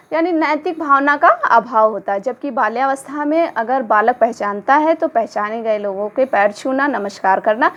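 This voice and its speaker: High-voiced woman teaching an exam-prep lesson. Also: fairly bright tone. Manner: explanatory, poses questions then answers them. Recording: dull lo-fi recording.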